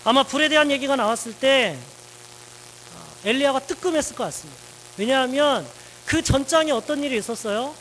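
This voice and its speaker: Male pastor, high voice, earnest sermon, faint background noise. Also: animated, brisk, fairly bright tone, low-quality recording. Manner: earnest, asks the congregation questions.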